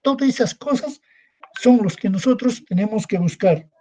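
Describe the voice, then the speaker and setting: Repeating points and answering his own rhetorical questions, a male secondary school teacher gives a recorded online class. He speaks at normal speed in a high-pitched, expressive, dark, slightly rough voice. The recording is rough.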